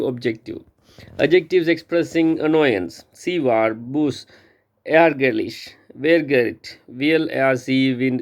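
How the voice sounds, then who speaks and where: Slow, halting man reading vocabulary aloud. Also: medium pitch. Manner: halting, careful reading with frequent restarts. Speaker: language learner.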